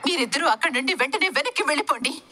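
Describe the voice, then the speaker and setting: Commanding male exorcist, read by a woman, firm, bright tone, storybook reading. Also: fairly high pitch, normal speed.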